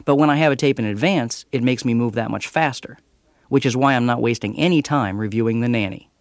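A man's voice: medium pitch, a little fast, no echo, studio quality. An American man reading a scripted radio review as a TV critic, with a wry manner.

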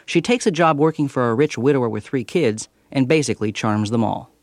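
A man's voice: mid-range voice, lively intonation, a little fast, dry recording. An American man reading a scripted radio review as a TV critic, with a wry manner.

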